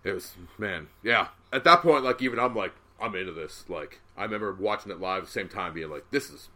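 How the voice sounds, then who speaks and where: Bright-voiced excitable man, casual chat. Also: fairly low pitch. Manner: excitable, swearing, quick bursts of enthusiasm. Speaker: podcast co-host recapping wrestling.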